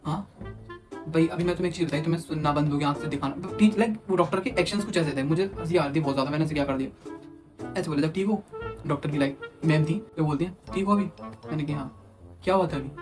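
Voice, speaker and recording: A young man tells a personal story at a quick, tumbling pace, his voice sitting a little high. He is animated and acts out what others said to him. Music plays clearly underneath. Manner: animated, quotes others in acted asides. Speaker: vlogger. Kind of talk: casual storytelling.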